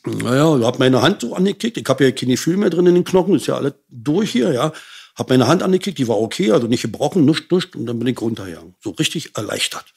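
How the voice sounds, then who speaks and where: A man's voice: mid-range voice, animated, fast talker, gravelly, darkish tone, breathy edge. An older man telling his hard life story as an interview guest, blunt and swearing. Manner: blunt, swears, relives angry outbursts.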